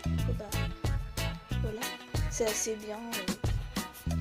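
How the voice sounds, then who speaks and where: A teenage girl with a hoarse voice, chatting casually and rambling with many fillers as she shows her collection. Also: mid-range voice, fairly even intonation, slow pace. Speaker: vlogger. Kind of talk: casual chat. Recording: loud background music.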